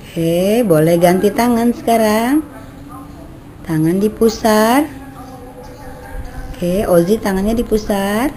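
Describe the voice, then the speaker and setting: Slow, patient woman instructor. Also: mid-range voice, warm tone. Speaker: brain gym instructor. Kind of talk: guiding children through exercises.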